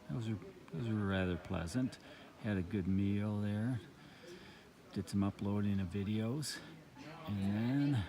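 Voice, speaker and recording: A man giving a casual, unscripted hiking update outdoors, rambling along with halting pauses. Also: on the low side. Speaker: hiker vlogger on a long trail. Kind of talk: casual, unscripted trail vlog. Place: outdoors on a mountain trail. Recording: outdoor ambience with clear background noise.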